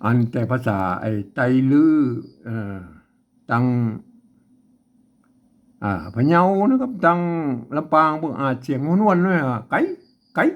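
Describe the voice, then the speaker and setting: Northern thai guy teaching script, voice jumps up and down a lot, slightly high, lots of ah's and repeats words slowly. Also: big pitch swings, highs cut off. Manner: many "ah" fillers and "see?" to the listener. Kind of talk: explaining Lanna script spellings.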